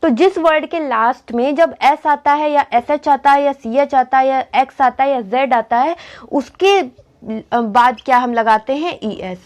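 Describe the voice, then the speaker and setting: A woman's voice: high-pitched, measured pace. A young woman teaching spelling rules in a lesson, often asking a question and then answering it herself. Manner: asks and answers her own questions. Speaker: English teacher. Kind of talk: classroom-style spelling lesson.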